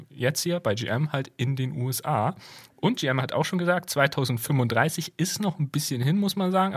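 A man's voice: medium pitch, husky. A man co-hosting a casual podcast chat, thinking aloud with hesitant restarts. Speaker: podcast co-host.

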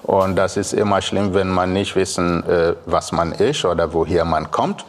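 A man from Nigeria, a restaurant owner telling an anecdote as a guest on a TV talk show, calm and hesitant with fillers. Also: deep voice, moderate pace. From Biafra, Nigeria.

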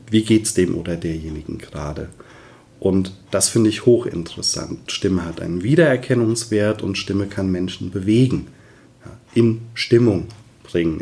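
Low-voiced German-speaking voice coach explaining. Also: male voice, a little mellow. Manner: explanatory, enthusiastic about his subject. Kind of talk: conversational interview answers.

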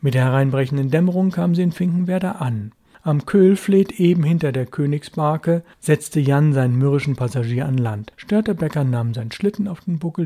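A male audiobook narrator reading a story in a steady, measured way. His voice is slightly high for a man yet dark and mellow. The narration is calm and even. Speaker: audiobook reader.

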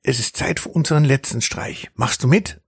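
A man voicing a mischievous male mouse in a storybook, speaking in a low, husky, conspiratorial voice. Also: moderate pace, no echo, clean studio sound. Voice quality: husky whisper.

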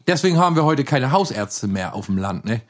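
A man's voice: medium pitch, big pitch swings, brisk. A man from Hamburg with a Hamburg accent, rambling folksily through casual comedic banter and tagging his sentences with "ne?". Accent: Hamburg German. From Hamburg, Germany.

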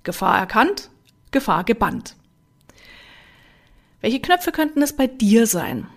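A woman self-help coach giving a motivational talk, speaking straight to the listener with lively rhetorical questions. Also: fairly high pitch, takes it slowly, creaky.

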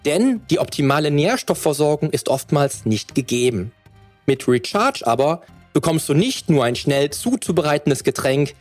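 A man's voice: medium pitch, dry recording. A man hosting a fitness podcast, reading a sponsor spot and then asking long, searching questions. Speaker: podcast host.

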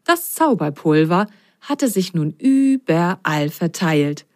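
A woman reading a children's story aloud in a slow, expressive storyteller manner. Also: fairly low pitch, dry recording, clean studio sound.

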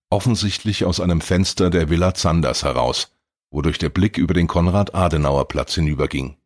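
A man narrating an audiobook crime story in a steady, measured way. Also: low-pitched. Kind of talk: scripted narration.

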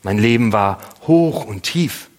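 A man's voice: mid-range voice, animated, a little slow, a little mellow. A middle-aged man, a pastor giving a casual, humorous sermon in a chatty storytelling way with playful asides.

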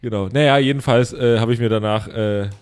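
A young German man telling a long, animated everyday story in casual chat, acting out his own inner voice and mocking himself. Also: medium pitch, a little fast, smooth.

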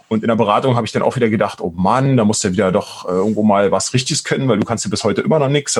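A man's voice: mid-range voice, slightly rough. A man in his forties with a Berlin accent, a guest on an interview podcast, talking casually and rambling with many fillers and restarts. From Brandenburg, Germany. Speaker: guest, entrepreneurship professor.

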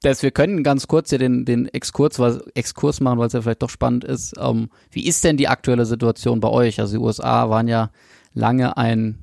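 A man's voice: mid-range voice, flat delivery, fairly quick, vocal fry, darkish tone, no room sound, clean studio sound. A man hosting a podcast interview, asking long rambling questions with many fillers. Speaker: podcast host.

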